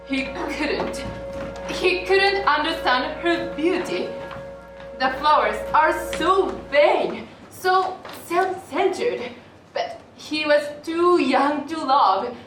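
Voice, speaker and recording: Slow, gentle young woman narrator. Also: high-pitched. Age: young adult. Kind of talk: stage narration. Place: theater stage. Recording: echoey hall from far off, with music. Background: music.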